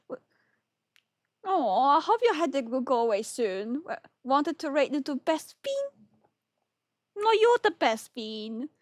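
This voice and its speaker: A woman's voice: sits high, no room sound, studio quality. A young woman streaming a game, sleepy and yawning, chatting playfully with viewers and giggling often. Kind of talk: casual chat with stream viewers.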